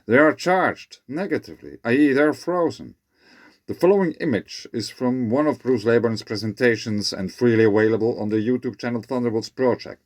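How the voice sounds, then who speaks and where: Guy reading his own paper out loud, whistly s's, mid pitch, stumbles and corrects himself, really dry sound. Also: expressive, fairly quick, no room sound. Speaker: independent researcher presenting own papers. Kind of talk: reading own paper aloud with informal asides.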